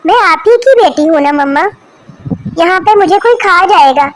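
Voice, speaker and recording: A woman's voice: very high-pitched, animated, normal speed. A woman doing a tiny pleading baby crow girl. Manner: pleading, tearful.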